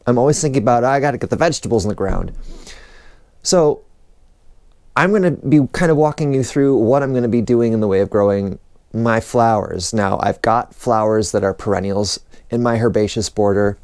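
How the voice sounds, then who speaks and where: A man's voice: medium pitch, moderate pace, darkish tone, clean tone, no echo, studio quality. A man hosting a casual gardening vlog, chatty and enthusiastic, often drifting off topic. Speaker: gardening vlogger. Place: outdoors in a snowy garden for part.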